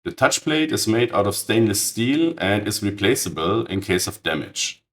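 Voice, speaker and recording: A man narrates a technical build in a precise, matter-of-fact way, his voice raspy and hoarse from a cold. He sits somewhat low in pitch and delivers blunt verdicts plainly. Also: big pitch swings, normal speed, a bit bright. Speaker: channel host.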